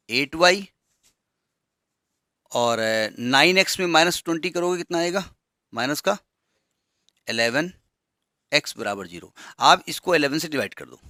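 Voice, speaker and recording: A man's voice: a little high, bright, forceful tone, no echo, studio quality. A man teaching a maths lesson, explaining step by step with asides and rhetorical questions. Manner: reads English problem text slowly and deliberately.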